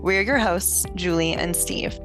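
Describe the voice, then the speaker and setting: A woman's voice: lowish voice, unhurried, music in the background. A woman co-hosting a podcast, speaking in an upbeat, welcoming way. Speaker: podcast co-host. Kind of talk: casual podcast chat.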